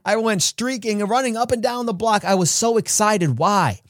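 A man hosting a podcast, telling a personal story in an earnest way and acting out quotes with big jumps in pitch. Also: normal speed, no echo, studio quality. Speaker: podcast host.

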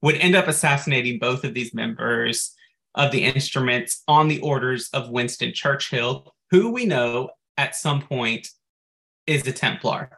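A man's voice: medium pitch, a little slow, gravelly, bright, forceful tone. A man co-hosting a podcast in casual chat, recapping game lore at length and dropping in frequent "like" asides. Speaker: podcast co-host.

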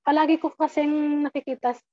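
High-pitched woman telling a story, lots of stops and restarts, dry dull sound. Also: level tone, brisk, dry recording. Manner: hesitant, many restarts, mixes English into Tagalog. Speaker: guest telling a personal ghost story. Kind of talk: casual storytelling.

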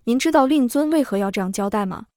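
An irritable innkeeper grumbles about old obligations in an impatient, fed-up tone, as a woman narrator puts him on. The voice is a little high. The storybook recording sounds dry. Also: lively intonation, quick pace, warm tone, no room sound, lightly acted. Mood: grumbling.

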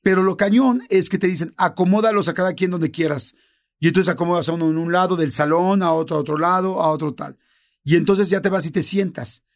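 A man's voice: high voice, fairly quick. A middle-aged man with a Mexican accent, casually telling a story on a podcast and acting out the dialogue. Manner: animated, acts out quoted dialogue in many voices. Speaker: podcast co-host.

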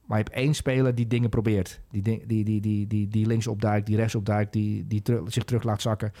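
Man, football podcast co-host, casual, halting, frequent fillers. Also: fairly low pitch, flat delivery, warm tone. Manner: hesitant, many fillers and restarts. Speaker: football analyst.

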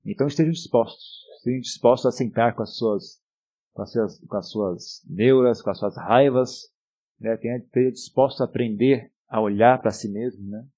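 A man with a Brazilian accent, teaching meditation in a gently coaxing, unscripted way with frequent short tag questions. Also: medium pitch, moderate pace, husky, low-quality recording. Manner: unscripted, gently coaxing, often seeking agreement with short tags. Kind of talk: spoken talk and guided meditation instruction.

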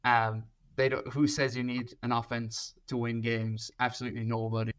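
Flat-pitched man with a Kerry Irish accent. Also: moderate pace, clear, resonant tone. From Kerry, Ireland. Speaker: podcast panellist. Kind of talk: casual sports chat.

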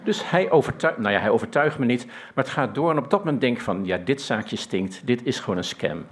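A man's voice: medium pitch, expressive, a little fast, slightly rough. A man telling a personal story in a plain, conversational way, with frequent hesitations and restarts. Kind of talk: personal story told to an audience.

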